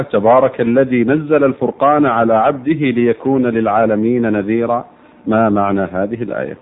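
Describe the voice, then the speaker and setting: A man presenting a radio program in formal standard Arabic, with formal, measured religious phrasing as its host. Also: mid-range voice. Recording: narrow tinny radio-broadcast sound.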